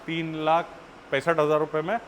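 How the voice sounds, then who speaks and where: A man's voice: fairly high pitch, completely flat delivery, moderate pace. A man, a used-car dealer giving a hard-sell list of models and prices with emphatic repeated phrases. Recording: faint ambient background noise.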